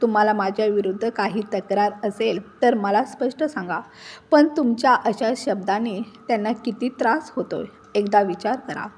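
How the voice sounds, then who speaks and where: A woman's voice: medium pitch, normal speed, a little mellow, husky, close to an everyday voice. A woman voicing a frightened young daughter-in-law who pleads tearfully in a told story. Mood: pleading.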